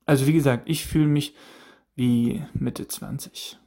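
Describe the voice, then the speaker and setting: A mellow, medium-pitched male voice with a steady tone and a slightly slow pace. The speaker, a man in his thirties, hosts a casual solo podcast monologue, musing aloud with repeated questions and frequent restarts.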